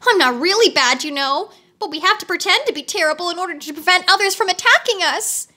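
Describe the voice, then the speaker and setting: A woman putting on a whiny, high-voiced wheeler creature. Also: lively intonation, fast, bright, forceful tone, heavily acted. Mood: eager. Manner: whiny, tearful, pleading. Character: whining, sobbing male wheeler creature, boastful but cowardly.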